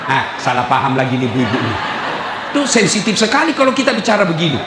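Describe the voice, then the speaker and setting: A man's voice: on the high side, fast talker. Joking man preaching in an echoey hall. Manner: lively joking storyteller, acts out quoted husbands and wives. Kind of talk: humorous sermon to a live audience. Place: hall with a live audience. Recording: echoey hall recording with faint noise.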